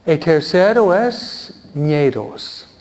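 A man's voice: on the high side, expressive, very slow, darkish tone, lo-fi sound. A man preaching a sermon in a conversational way, often asking his listeners questions. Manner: conversational, asks the audience questions.

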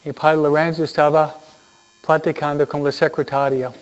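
A man's voice: a little high, level tone, normal speed, smooth. A male priest giving a humorous homily, full of jokes, laughing often and checking in with his listeners by asking "¿no?". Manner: chatty, laughing, frequent tag questions. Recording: dull lo-fi recording.

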